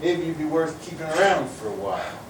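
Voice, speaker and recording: A man's voice: fairly high pitch, expressive, fairly quick, lightly acted. An actor playing a menacing gangster kidnapper who talks in slangy tough-guy threats on a live community stage. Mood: taunting. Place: theater stage. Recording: distant echoey hall recording, noisy.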